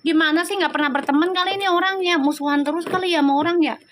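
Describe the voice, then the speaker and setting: A woman's voice: very high voice, steady tone, rapid-fire, fairly bright tone, slight background noise. A woman, chatting on a live stream and scolding viewer comments in a sassy, slangy way. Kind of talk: casual live-stream chat reading comments.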